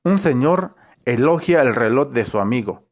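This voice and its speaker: A man reading short jokes aloud as an unhurried storyteller who briefly voices the punchlines. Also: mid-range voice, lively intonation. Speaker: joke reader.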